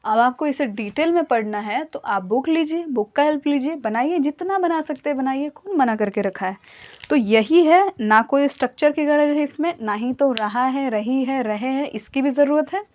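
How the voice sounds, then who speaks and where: A woman teaching English grammar in Hindi, patiently explaining and slowly repeating example sentences. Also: high-pitched, animated, dull audio.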